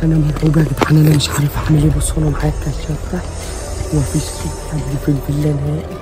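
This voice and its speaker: Young man, Egyptian accent, hushed, frightened, quick narration, music behind. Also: on the high side, completely flat delivery. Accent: Egyptian Arabic. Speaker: vlogger. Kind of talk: spooky walkthrough narration. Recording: music playing underneath.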